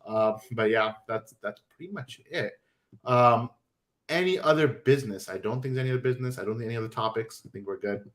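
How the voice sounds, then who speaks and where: New dude hosting a podcast, talks fast and animated, lots of restarts. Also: male voice, mid-range voice. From New York. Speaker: podcast host. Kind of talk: casual chat.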